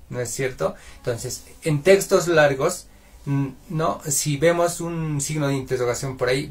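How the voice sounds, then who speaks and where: Man, gravelly voice, explanatory teaching tone, frequent check-ins. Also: medium pitch. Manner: explanatory, often asks "¿no es cierto?". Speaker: Aymara language teacher. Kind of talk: explanatory lesson.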